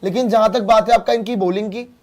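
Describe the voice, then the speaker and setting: A man's voice: high-pitched, fairly even intonation, fast, darkish tone. A man giving opinionated cricket analysis, dropping English phrases into casual chat. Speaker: cricket panelist.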